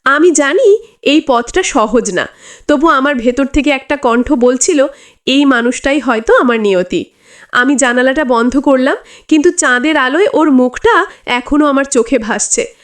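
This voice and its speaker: A woman's voice: sits high, moderate pace. A woman narrating a romantic story in the first person, with a dreamy, confiding manner.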